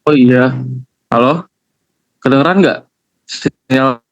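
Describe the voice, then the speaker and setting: A man's voice: medium pitch, slow, no room sound. A young man in a role-played student meeting whose voice keeps breaking up over a bad video call connection, flustered and checking whether he can be heard. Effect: bad connection, voice cutting out on a video call. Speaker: student organization member in a meeting. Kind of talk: scripted role-play of an online meeting. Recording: dull, dry lo-fi video call audio.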